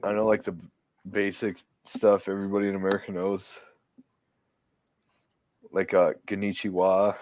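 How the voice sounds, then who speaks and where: A man livestreaming in casual chat, animated and laughing often. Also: low-pitched, normal speed, pauses often, no room sound, dull audio.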